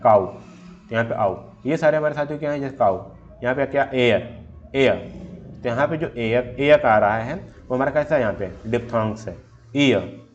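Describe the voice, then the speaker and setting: A man's voice: medium pitch, highs cut off. A man giving an exam revision lecture. He reads English definitions off his slides, then explains them plainly and keeps asking rhetorical questions he answers himself. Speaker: teacher.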